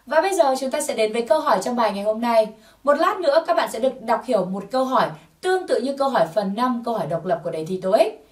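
Lively-voiced woman teaching English. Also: on the high side, recorded from a distance. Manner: patient, encouraging, drills pronunciation by repetition. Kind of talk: explaining test answers in a video lesson. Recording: roomy sound from off-mic.

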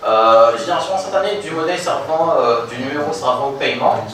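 A young man presents a product demo to a seated audience, stumbling over fillers and restarting his sentences. His voice sits at an average pitch and comes from a distance in a very echoey room. A faint room hum stays underneath. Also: fairly bright tone. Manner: halting, many fillers and restarts. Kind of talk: live product demo at a meetup. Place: conference room with audience, projector screen.

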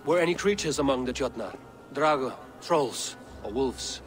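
A man's voice: mid-range voice, lively intonation, normal speed, soft background music, natural voice. An actor playing a bold, decisive Norse god-king who gives clipped, authoritative orders in a video game. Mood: commanding. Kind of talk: video game dramatic acting.

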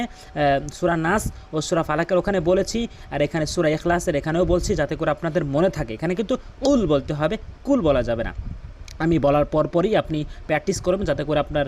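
Higher-voiced man teaching recitation. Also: darkish tone, slight background noise. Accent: Bangladeshi Bengali. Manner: patient, repeats words slowly for the viewer to copy. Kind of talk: Quran pronunciation lesson.

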